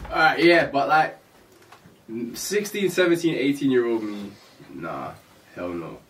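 A man's voice: medium pitch, animated, a little slow, a bit bright, slight background noise. A man, co-hosting a podcast in casual chat full of slang and laughter. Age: early 20s. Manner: laughs often, heavy slang. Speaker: podcast co-host. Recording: distant mic.

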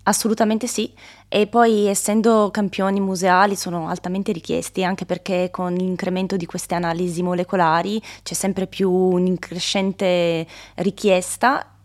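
Young female academic guest, measured technical explainer, slightly low voice. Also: little pitch movement. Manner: careful, technical, with hesitation fillers. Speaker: guest, doctoral researcher. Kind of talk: explanatory interview answers.

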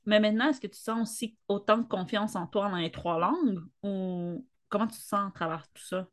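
A woman's voice: mid-range voice, brisk. A woman hosting a podcast, asking her guest open, curious questions in a casual chat. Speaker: podcast host.

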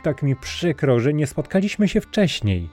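Man playing a worried storybook mother, higher voice, plain-spoken. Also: very animated, moderate pace, darkish tone, soft background music. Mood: gentle. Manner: scolding, soothing. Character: worried, practical mother of a poor lad.

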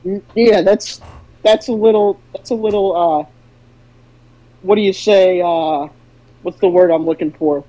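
A young man hosting a comedy podcast, reading fake news in a deadpan way. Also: sits high, measured pace, long pauses, rough recording. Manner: deadpan mock-newsreader delivery. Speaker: podcast host.

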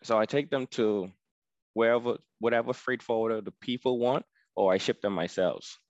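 A man's voice: medium pitch, moderate pace, no room sound, dull audio. A man talking about his delivery work in an easygoing, conversational way. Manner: easygoing, conversational, says you know often. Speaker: guest, freight delivery business owner. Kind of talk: casual interview.

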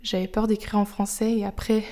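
On her personal podcast, a young host with French as her native language reflects aloud without hurry, sharing her thoughts with listeners. She speaks softly and confidingly, sometimes close to a whisper, in a warm, mellow middle-pitched voice that shows little pitch movement.

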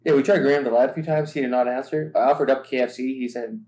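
A man's voice: medium pitch, fairly even intonation, fast talker, darkish tone. A man co-hosting a podcast in casual chat, telling stories in a rambling, stop-start way. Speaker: podcast co-host. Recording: echoey room.

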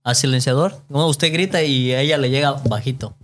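A man in casual podcast chat, teasing the others with quick quips. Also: mid-range voice, a bit bright.

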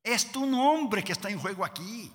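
A man's voice: sits high, animated, moderate pace, a bit bright, in a large hall. A male preacher voicing Moses as a humble man pleading with God in reverent prayer.

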